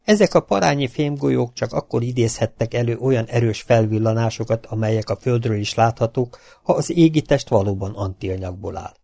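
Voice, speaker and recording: A man with a Hungarian accent reading a science fiction audiobook in an even, measured way. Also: mid-range voice, creaky, no echo. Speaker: audiobook narrator. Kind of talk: scripted narration.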